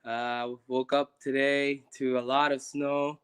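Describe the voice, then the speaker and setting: A man's voice: mid-range voice, level tone, slow, a bit bright, smooth. A young man from Guatemala talking earnestly and reflectively as a guest, with many restarts. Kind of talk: casual conversation on a live stream.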